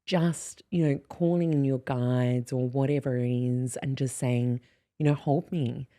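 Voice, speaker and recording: A woman's voice: extremely low pitch, steady tone, a little slow, dark tone, dry recording. A woman, a podcast guest, talking in a musing, meandering way about spirituality. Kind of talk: casual chat.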